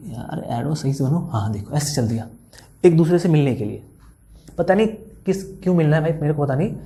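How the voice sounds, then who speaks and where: A man doing A young Indian tutor talks students through word problems in a casual, joking way. His voice is tired and quiet, with a warm, dark tone. He speaks close to the mic. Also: fairly high pitch, lively intonation, vocal fry, slight background noise. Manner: chatty, teasing, talks straight to students, reads problem text aloud slowly. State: tired, speaking softly after a full day of recording. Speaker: maths tutor. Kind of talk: casual classroom explanation while writing on a board.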